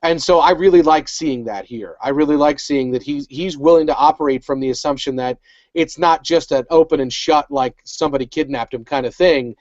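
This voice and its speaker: A man co-hosts a casual recap podcast in a fairly high voice. He talks in a rambling, upbeat way and restarts his sentences often. The recording sounds dull and dry. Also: fairly quick, darkish tone, no room sound. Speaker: podcast co-host.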